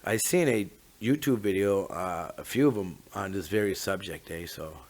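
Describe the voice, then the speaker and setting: Low-voiced First Nations Canadian man, Mi'kmaq accent. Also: lively intonation, normal speed, darkish tone. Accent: First Nations Canadian English, Mi'kmaq. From Mi'kma'ki, eastern Canada. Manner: rambling, reflective, often ends phrases with "eh". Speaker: host of a talk on traditional teachings. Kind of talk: informal unscripted talk.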